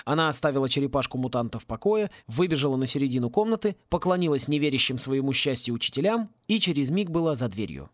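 A man narrating a satirical fantasy audiobook in an ironic, lively storytelling manner. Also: medium pitch, fast talker, few pauses, dry recording, clean studio sound.

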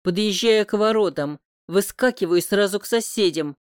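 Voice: mid-range voice, normal speed, clear, resonant tone, no room sound. An audiobook narrator reading a first-person romance with emotional, intimate delivery, recorded on a close studio mic.

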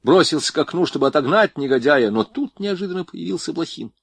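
A man's voice: on the high side, quick pace, gravelly, husky, dry recording. A man narrating a novel expressively as an audiobook reader. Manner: expressive, varied voicing. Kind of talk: scripted narration.

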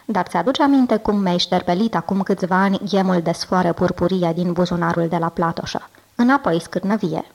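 A woman's voice: lowish voice, a little mellow. A woman voicing a dying old dragon father who speaks weakly and turns contemptuous, in a storybook reading. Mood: scornful. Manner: weak voice, turning contemptuous.

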